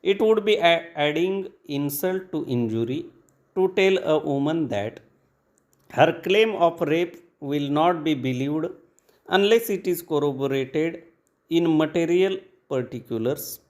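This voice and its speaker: A man dictating formal legal text for shorthand practice, reading in short measured phrases with pauses between them. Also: a little high, a little mellow.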